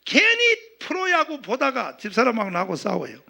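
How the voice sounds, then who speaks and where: High, sharp-voiced man preaching. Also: moderate pace, vocal fry. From Gyeongsang region, South Korea. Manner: animated, acts out quoted voices, calls for amens. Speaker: pastor. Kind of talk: sermon.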